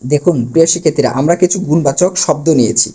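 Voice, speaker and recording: A Bangladeshi male teacher with a Bengali accent gives a grammar lesson at a board, asking questions and answering them himself. His voice is on the high side, warm with a breathy edge, and he talks quickly. He records on a camera he adjusts himself.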